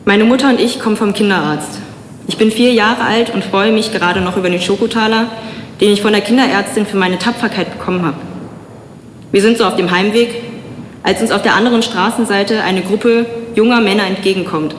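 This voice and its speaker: A young woman from Germany giving a public talk, telling personal stories in an earnest, measured way with slow, emphatic pauses. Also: mid-range voice, slight background noise. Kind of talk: personal spoken-word speech. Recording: echoey hall with long reverb.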